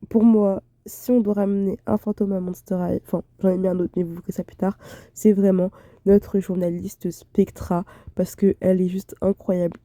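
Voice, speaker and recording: A young woman in casual fan commentary, gushing and rambling in slangy, excited chatter as a YouTuber. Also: mid-range voice, dry recording.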